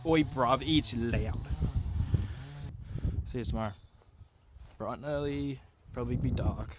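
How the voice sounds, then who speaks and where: A man chatting casually to camera in a laid-back, slangy, sweary way, vlogging about his day. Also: medium pitch. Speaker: vlogger, amateur motocross racer. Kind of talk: casual vlog chat, talking to camera. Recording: noisy outdoor vlog, engine and vehicle sounds.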